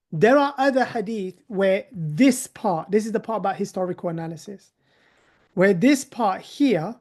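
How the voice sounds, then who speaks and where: A man's voice: sits high, a little mellow. Chatty man lecturing a class. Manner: conversational, with sarcastic rhetorical asides. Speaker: teacher of hadith.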